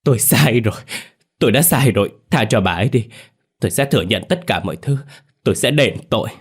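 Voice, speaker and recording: A man voicing a remorseful man in his fifties who shouts and begs for forgiveness in a spoken ghost story. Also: medium pitch, expressive, brisk, husky, voice pushed up. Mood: desperate pleading. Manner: pleading, shouting.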